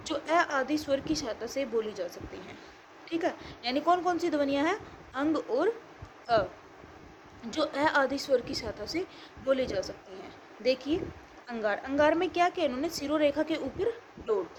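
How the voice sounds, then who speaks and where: A high-voiced woman teacher walks her students through a grammar lesson, posing questions and answering them herself. The recording carries clear background noise throughout. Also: lively intonation, normal speed, rough recording. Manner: explains step by step, asks and answers her own questions. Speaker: school teacher.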